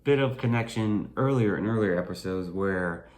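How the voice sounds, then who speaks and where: A man co-hosting a podcast, talking in a relaxed, agreeable way with many fillers. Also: fairly low pitch, moderate pace. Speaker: podcast co-host. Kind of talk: casual chat recapping a reality show.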